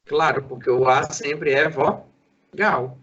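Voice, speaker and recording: A male school teacher giving a Portuguese lesson, sounding out syllables slowly and quizzing a student. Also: on the high side, steady tone, fairly bright tone, breathy edge, dull audio. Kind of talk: lively classroom lesson for sixth graders.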